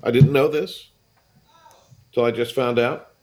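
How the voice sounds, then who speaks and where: A man's voice: medium pitch, steady tone, unhurried, a little mellow. An American man hosting a sports radio show in a casual, chatty, blunt and teasing way. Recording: studio broadcast, faint music behind. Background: music.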